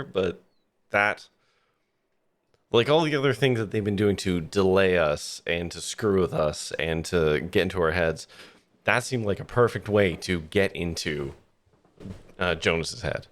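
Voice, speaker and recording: Let's play host: male, deep voice, casual and thoughtful game commentary. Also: unhurried.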